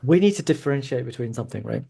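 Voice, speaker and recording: A man hosting a sports talk show, speaking at a middle pitch. He reasons step by step in an insistent, analytical way, often asking for agreement. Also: lively intonation, racing, creaky, dark tone, breathy edge. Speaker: show host. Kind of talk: heated sports debate.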